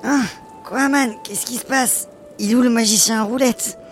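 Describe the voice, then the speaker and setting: A woman's voice: on the high side, steady tone, moderate pace, a little hiss or hum, natural voice. A woman playing a laid-back, easily amazed stoner companion in a fantasy parody, talking in casual slang. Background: music.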